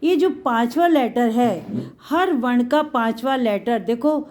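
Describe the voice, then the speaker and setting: A high-pitched woman gives a patient Hindi lesson to children. She stretches out her words as she explains each letter and warmly calls her pupils "beta". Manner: patient, drawn-out explaining, addresses students as beta. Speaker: Hindi teacher.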